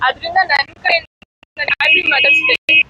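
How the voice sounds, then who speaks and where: A young woman with a high, light voice talks into a phone outdoors, greeting passers-by on a street. She coaxes and repeats herself warmly, chatting in a casual vlog style. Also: steady tone, slow pace, dry recording, muffled recording. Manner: warm, coaxing, repeats herself. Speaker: vlogger.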